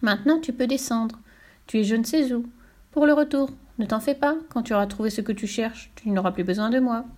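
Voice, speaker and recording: Storybook frog, high and perky, helpful and polite, read by a woman. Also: fairly quick, a little mellow, lightly acted. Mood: obliging. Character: helpful magic frog, swells huge.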